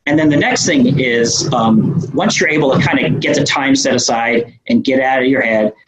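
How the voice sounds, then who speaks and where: A man's voice: medium pitch, moderate pace, slight background noise. New York man, echoey room. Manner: rambling, frequent fillers and restarts. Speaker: podcast guest, entrepreneur. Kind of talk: casual interview conversation.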